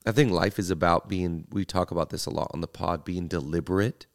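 A tired man with a raspy, froggy morning voice, chatting casually and playfully as a podcast host. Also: deep voice, steady tone, fairly quick. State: tired, under-slept. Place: in a house.

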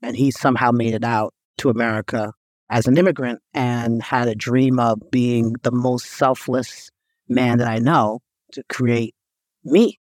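A man's voice: medium pitch, steady tone, unhurried, a little mellow, no room sound, clean studio sound. A middle-aged man from New York, a guest on an interview, telling his story in an earnest, reflective way. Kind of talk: interview conversation.

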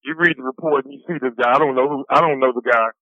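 A man calling collect from a prison payphone, talking in a meandering, soft-spoken way that trails off. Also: mid-range voice, rapid-fire, dry recording. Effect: heard over a prison payphone line. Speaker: incarcerated caller on a collect call. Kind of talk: casual phone conversation. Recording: tinny dry phone line.

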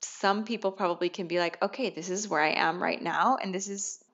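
A woman's voice: fairly low pitch, fairly quick, fairly bright tone. A woman co-hosting a podcast, chatting reflectively and laughing often, heard from an echoey, sparsely furnished room. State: new mother. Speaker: podcast co-host. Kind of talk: casual podcast chat. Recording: dull lo-fi, echoey half-empty room.

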